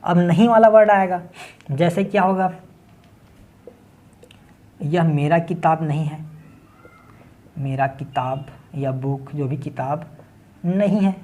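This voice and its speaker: Speaking slowly with long pauses, this man has a fairly high, mellow voice. He is from Chhattisgarh, India, and teaches English grammar at a board in locally accented Hindi, moving step by step and often checking with the class using "ठीक है".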